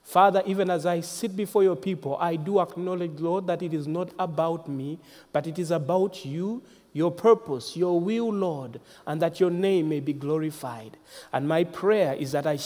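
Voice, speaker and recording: A man's voice: fairly high pitch, darkish tone. Man, formal and reverent, echoey. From Zambia. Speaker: guest speaker, minister. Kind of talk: prayer and personal testimony. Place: church hall. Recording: reverberant hall.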